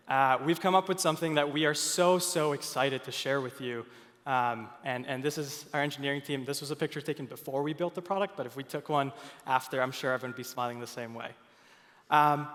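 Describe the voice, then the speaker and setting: In a large conference hall with long reverb, a young Finnish man speaks about a product from the stage. He's earnest but often uses fillers and restarts his sentences, and his mid-range voice has a fairly bright tone.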